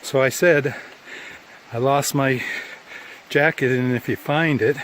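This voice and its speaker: A worn-out man talks to his handheld camera outdoors on a mountain trail, rambling and correcting himself as he goes. His voice sits at an ordinary middle pitch. Faint outdoor noise runs underneath. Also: fairly even intonation, slow, fairly bright tone. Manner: rambling, self-correcting, plain-spoken. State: tired after a long hike. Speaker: hiker filming a trail vlog. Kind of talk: casual spoken trail diary.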